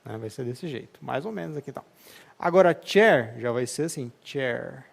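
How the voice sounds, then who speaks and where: A man's voice: mid-range voice, animated, normal speed, vocal fry. A Brazilian man teaching an English class, explaining step by step and often checking in with tag questions. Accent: Brazilian Portuguese. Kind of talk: remote class lesson.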